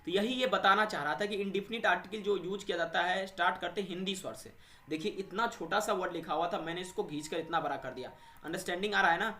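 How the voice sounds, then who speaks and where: Male teacher with a bright, echoey voice. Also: high voice, fast talker. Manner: addresses students as friends and little brothers, asks and answers own questions. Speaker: English teacher. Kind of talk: exam-prep grammar lesson.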